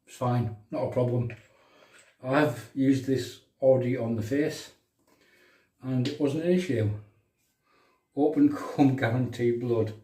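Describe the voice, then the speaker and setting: In a roomy, echoing bathroom recorded on a far-off mic, a middle-aged County Durham man demonstrates shaving for his livestream and banters casually with viewers. His mid-range voice is dark and fairly even in intonation, and he's unhurried, pausing often.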